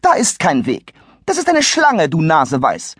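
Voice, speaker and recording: A man voicing a shrill, bossy older woman in a storybook, scolding and indignant. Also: huge pitch swings, moderate pace, a bit bright, breathy edge, dry recording, studio quality, heavily acted.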